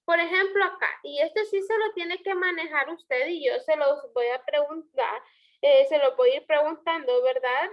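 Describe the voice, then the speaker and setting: At a moderate pace, a woman with a high voice lectures on poetry in an online class, posing questions to students and explaining each step. She's a language teacher, and the recording has its highs cut off.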